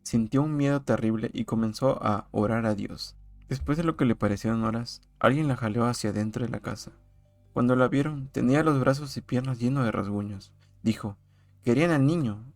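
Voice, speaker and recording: A man calmly narrating a true horror story in a measured, scripted way. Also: mid-range voice, dry recording.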